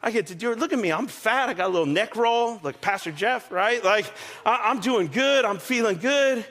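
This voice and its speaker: A man's voice: high voice, lively intonation, moderate pace, fairly bright tone. A pastor voicing a contented, boastful male pig in a barnyard joke during a sermon. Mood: smug, contented. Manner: boastful, easygoing.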